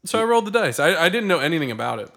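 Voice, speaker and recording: A man's voice: a little high, very animated, very fast, creaky, fairly bright tone. A man hosting a podcast with friends, talking in a loose, rambling, joking way. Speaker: podcast host. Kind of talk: casual chat.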